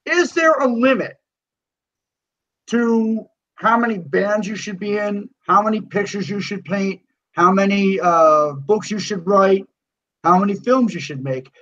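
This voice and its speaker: A man co-hosting a casual podcast chat, animated and given to swearing rants. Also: high-pitched, measured pace. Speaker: podcast co-host. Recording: dull lo-fi sound.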